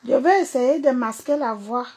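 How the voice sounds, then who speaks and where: A woman's voice: high-pitched, moderate pace, darkish tone, breathy edge. A woman singer delivering an angry, mocking social media rant, hurling repeated insults. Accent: Cameroonian.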